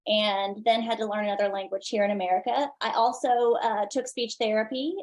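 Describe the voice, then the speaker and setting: A woman from Mexico whose first language is Spanish, a designer speaking in a panel discussion with steady, measured talk. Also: mid-range voice, poor audio.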